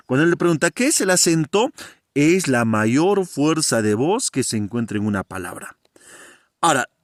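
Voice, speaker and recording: A male teacher giving a grammar lesson, often asking his students questions and drawing out key words slowly. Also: fairly high pitch, dry recording, studio quality. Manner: animated, asks students frequent questions.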